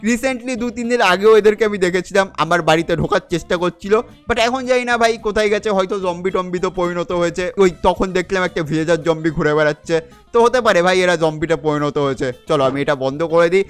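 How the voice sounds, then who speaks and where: A man's voice: high-pitched, fast, clear, resonant tone, soft background music. A young man chatting casually to his viewers while he plays a survival game, calling them brother all the time and mixing English words into his talk. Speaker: gaming channel host. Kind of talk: casual gameplay commentary.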